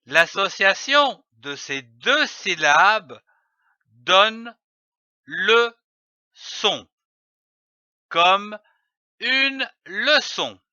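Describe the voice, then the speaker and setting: A man's voice: high voice, very animated, drawn-out words, long pauses, pushed and bright, clear, resonant tone, no room sound. A man teaching early reading, spelling out letters and syllables one by one with careful over-articulation. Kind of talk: slow didactic phonics lesson. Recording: dull lo-fi dry recording.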